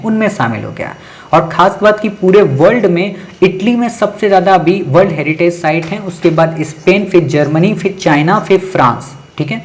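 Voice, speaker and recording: Repetitive, emphatic exam-coaching teacher man. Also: sits high. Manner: addresses students directly, keeps checking with "ठीक है" and "समझ गए"; repeats key points for emphasis. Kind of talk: exam-prep lecture.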